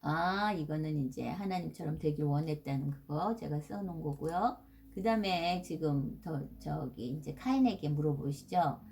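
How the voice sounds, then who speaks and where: A woman's voice: sits low, lively intonation, normal speed, vocal fry, darkish tone. A middle-aged woman giving a casual Bible lesson, asking her listeners questions and dropping English words into her talk. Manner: conversational, asks rhetorical questions, mixes in English words. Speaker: Bible study teacher.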